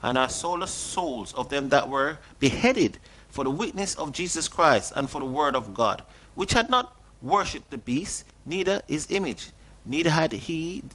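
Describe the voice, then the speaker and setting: A middle-aged man preaching a sermon and reading scripture at a desk, earnest and questioning, lifting his pitch on stressed words. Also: fairly bright tone. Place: small indoor studio at a desk.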